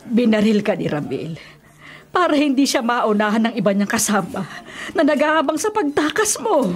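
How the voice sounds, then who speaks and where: In a radio drama, an actress with a Filipino accent plays a loving mother pleading with her wayward grown son, earnest and imploring as she explains. Her voice is a little high and very animated, at a moderate pace.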